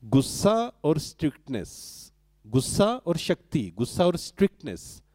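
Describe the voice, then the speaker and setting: A man speaks to a live audience, posing questions and then answering them himself. His voice is mellow, and it sits close and dry on the mic, with little room sound. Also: on the high side, very animated, a little slow, no room sound. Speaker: spiritual speaker addressing an audience. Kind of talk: interactive talk to a live audience.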